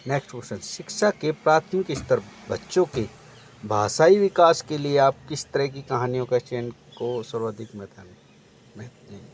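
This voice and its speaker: A man's voice: medium pitch, expressive, normal speed, slight background noise. A man teaching exam preparation, reading out multiple-choice options and then explaining the right answer.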